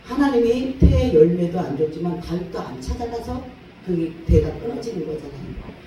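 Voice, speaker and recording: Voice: medium pitch, noisy background. A guest pastor preaching at a revival meeting, telling stories with laughter and acting out the people in them. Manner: lively storytelling, acts out quotes, laughs often. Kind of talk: revival sermon. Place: church sanctuary. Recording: echoey church hall, voice far from mic.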